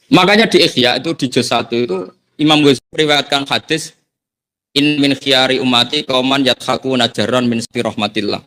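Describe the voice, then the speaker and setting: A man's voice: medium pitch, sharp tone. A man giving a casual Islamic sermon, telling folksy stories and laughing along. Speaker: preacher.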